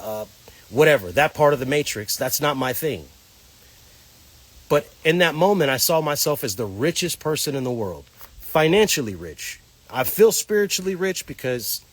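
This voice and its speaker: A man hosting a casual livestream outdoors, a little nasal from a cold, talking loosely and greeting viewers as they arrive. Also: fairly high pitch. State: nasal congestion. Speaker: livestream host. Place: outdoors near homes.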